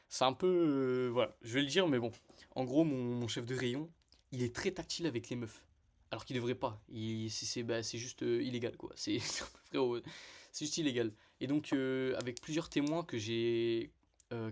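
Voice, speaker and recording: Young man rambling through a slangy story. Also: medium pitch. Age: young adult. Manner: slangy, rambling, animated retelling with many fillers. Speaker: vlogger telling a personal story. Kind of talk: casual storytime to camera.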